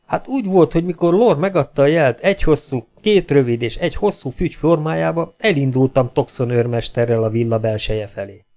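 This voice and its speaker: A man's voice: a little high, animated, hardly any pauses, a little mellow. A man reading an audiobook aloud, narrating in a dry, wry first-person manner. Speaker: audiobook reader.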